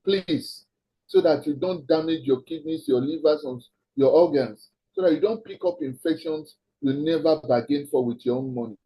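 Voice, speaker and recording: A man with a Nigerian accent hosting an online health talk, giving earnest advice with many pauses and repeated warnings. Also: fairly high pitch, mellow, poor audio.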